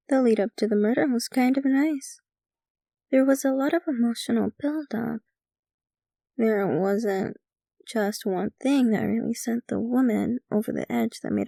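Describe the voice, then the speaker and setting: A woman plays a possessive, centuries-old yandere vampire girlfriend in an intimate scripted ASMR monologue to the listener. Her voice is slow, creaky, a little high and mellow, and her unhurried delivery is doting, sweetly menacing and casually sinister. The clean studio recording has no room sound.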